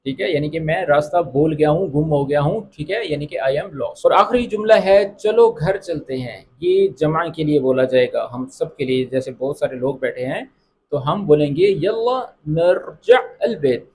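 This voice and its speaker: Guy teaching phrases, says each one slowly a few times, voice a bit high, little hiss behind. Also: darkish tone. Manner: repeats each phrase slowly, then explains it. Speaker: Arabic teacher. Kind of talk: language lesson.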